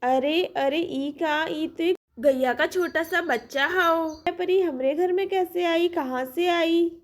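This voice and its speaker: A woman's voice: extremely high pitch, slow. A woman voicing a kind, fussy village mother in a cartoon, speaking. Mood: fussing. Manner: fussy, chatty.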